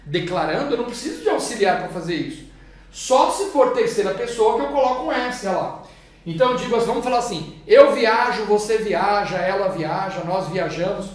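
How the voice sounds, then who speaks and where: A Brazilian-accented teacher with a lively, swinging pitch who slows right down on each English example. The voice rings around a very echoey room. The delivery stays patient and explanatory. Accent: Brazilian Portuguese. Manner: lively, stretches English examples slowly and loudly. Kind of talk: explaining grammar to viewers.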